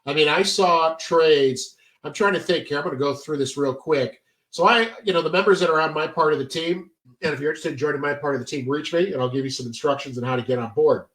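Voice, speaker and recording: A man's voice: fairly high pitch, quick pace, a bit bright, reverberant, distant mic. A congested man giving a casual, chatty trading tutorial, full of fillers and stop-start phrasing. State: stuffy, congested. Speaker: trading educator. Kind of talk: casual screen-share tutorial.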